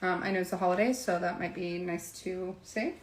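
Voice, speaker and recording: A woman's voice: on the low side, fairly quick. A woman hosting a casual live cocktail demonstration, chatting straight to her viewers with lots of asides. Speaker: cocktail demo host. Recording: echoey room with faint clatter.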